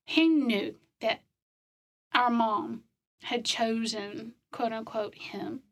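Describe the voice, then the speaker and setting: A woman calmly recounting hard childhood memories in a slow, matter-of-fact way during a conversation. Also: a little high, slight background noise. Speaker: guest telling her life story. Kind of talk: personal storytelling in conversation.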